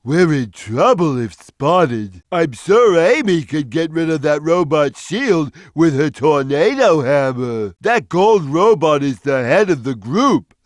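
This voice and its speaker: Game role: big gentle simple cat, earnest, swinging widely in pitch, dry close recording. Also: male voice, big pitch swings, no room sound. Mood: easygoing, earnest. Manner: slow, simple, earnest delivery. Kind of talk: video game character lines.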